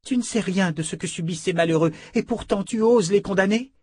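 A man's voice: mid-range voice, normal speed, pitched above the performer's own voice, close to an everyday voice. A man voicing a self-righteous young sorceress who lectures with indignation. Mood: indignant.

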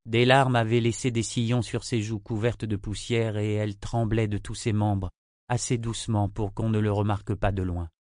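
A man narrating a fantasy novel in a steady, even reading voice. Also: fairly low pitch, moderate pace, no room sound, clean studio sound. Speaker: audiobook narrator.

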